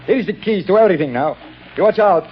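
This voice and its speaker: A man's voice: high voice, expressive, quick pace. An actor playing a grumbling night watchman who speaks broken English in an old radio drama. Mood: grumpy. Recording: dull old radio recording with faint hiss.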